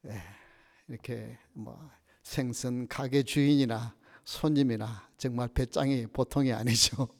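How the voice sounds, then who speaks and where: A male pastor delivering a Sunday sermon with lively storytelling and frequent rhetorical questions. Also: medium pitch, slow pace, long pauses. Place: church sanctuary. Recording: reverberant church sanctuary.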